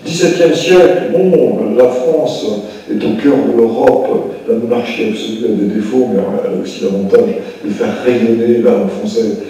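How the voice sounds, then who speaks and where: A man's voice: mid-range voice, normal speed, warm tone. An older man giving a public lecture, explaining at length with frequent hesitations, recorded in a town hall. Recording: echoey hall from far off.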